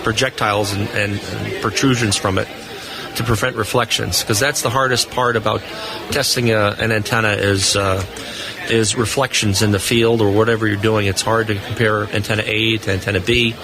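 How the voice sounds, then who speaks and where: With a lowish voice, fairly even intonation, and normal speed, a radio equipment test engineer answers live interview questions without a script. He explains technical matters from a convention hall booth, with the busy floor loud behind him.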